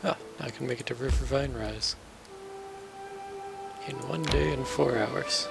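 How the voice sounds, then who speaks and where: A man giving laid-back gameplay commentary, dropping dry, wry asides in a gravelly, mid-pitched voice. Game music plays clearly behind him. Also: measured pace, rough recording. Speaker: let's play host. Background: game music and sounds.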